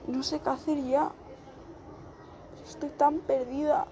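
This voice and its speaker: Tearful young Spanish woman, halting. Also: high-pitched, little pitch movement, lo-fi sound, background noise. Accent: Spain Spanish. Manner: halting, repeats and restarts her phrases. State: close to tears. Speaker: vlogger. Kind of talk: personal confessional monologue. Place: outdoors, people passing by.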